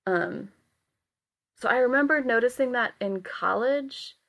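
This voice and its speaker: Young woman, casual podcast co-host, creaky gravelly tone, reflective. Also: on the high side, a little slow, a bit bright.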